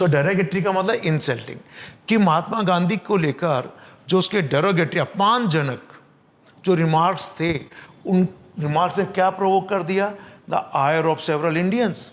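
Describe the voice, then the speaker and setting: Male vocabulary teacher. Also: high-pitched. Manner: explains in Hindi, reads English example sentences slowly and carefully. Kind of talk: vocabulary lesson.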